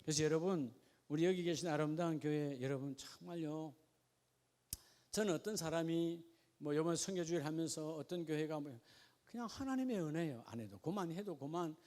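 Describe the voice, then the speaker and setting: Male pastor, high voice, lively question-and-answer sermon style. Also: moderate pace. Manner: lively preaching, asks the congregation questions. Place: church.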